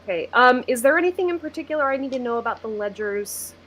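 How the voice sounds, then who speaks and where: A woman narrating a tabletop game as game master, deliberate as she sets scenes. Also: sits high, expressive, a bit bright, rough recording.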